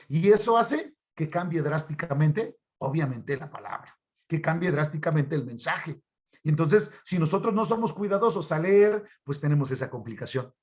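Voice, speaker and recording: A man with a Mexican Spanish accent teaching a Bible study workshop on a video call, often calling his listeners brothers and putting questions to them. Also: high-pitched. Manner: addresses listeners as brothers, asks questions to the class. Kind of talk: online church workshop teaching.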